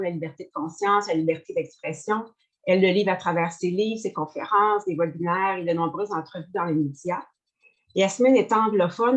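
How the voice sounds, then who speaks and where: A woman hosting a webinar, giving a measured, scripted introduction of her guest. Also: mid-range voice, low-quality recording. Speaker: webinar host.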